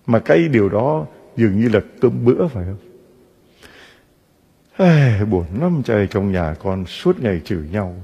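Husky-voiced priest preaching in a reverberant church. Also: male voice, on the low side, unhurried. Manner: animated preaching with rhetorical questions to the congregation. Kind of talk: sermon.

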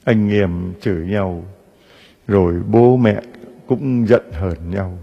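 Husky-voiced priest preaching in a reverberant church. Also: male voice, fairly low pitch, slow pace, lo-fi sound. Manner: animated preaching with rhetorical questions to the congregation. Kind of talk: sermon.

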